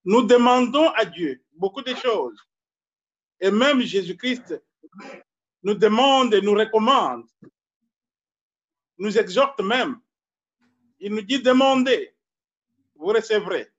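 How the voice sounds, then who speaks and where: A man from Congo, a pastor preaching a sermon slowly and deliberately, repeating his key phrases. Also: high-pitched, animated, dull audio.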